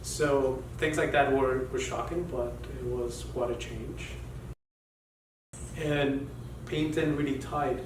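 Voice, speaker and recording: A Colombian-born artist whose first language is Spanish talks reflectively in a casual interview, halting often and restarting many times. His medium-pitched voice stays fairly even, and the recording is roomy and noisy with the mic far off, giving a distant sound.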